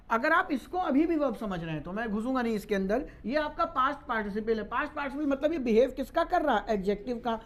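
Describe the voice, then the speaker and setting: A woman teaching English grammar in a lecture, scolding and teasing her students. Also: sits high. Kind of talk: classroom lecture.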